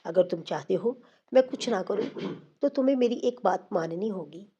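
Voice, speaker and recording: Give me a woman playing a harsh, threatening elder sister in a storybook drama, mellow husky tone. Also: mid-range voice, lively intonation, highs cut off. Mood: furious.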